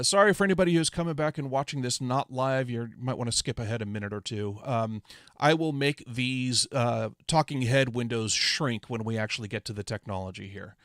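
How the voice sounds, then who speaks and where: A man hosting a casual livestream, teaching software in a rambling, chatty way with lots of fillers. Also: medium pitch, no room sound, clean studio sound. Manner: rambling, self-correcting, chatty with frequent fillers. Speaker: livestream host teaching electronics design software.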